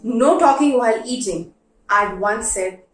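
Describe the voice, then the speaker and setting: Slow-reading woman in an echoey room. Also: a little high, lively intonation, faint music behind. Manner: measured, pausing for emphasis. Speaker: reader of literary letters. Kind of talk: slow dramatic literary reading. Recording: roomy echo, distant from microphone.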